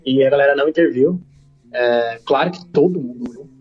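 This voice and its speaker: A man who is a podcast guest, telling a personal story in a casual, slangy and animated way. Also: mid-range voice, husky, dull audio, soft background music. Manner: slangy, rapid, animated retelling.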